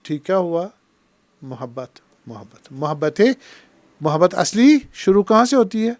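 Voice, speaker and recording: A male Islamic scholar with a Kashmiri accent delivers a religious lecture, his voice sitting a little high. He teaches by questioning his listeners and slows down to recite Arabic. The sound is close and dry, with no room around it. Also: sing-song, a little mellow, no room sound. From Pakistan. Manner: explains by asking the audience questions; recites Arabic quotations slowly.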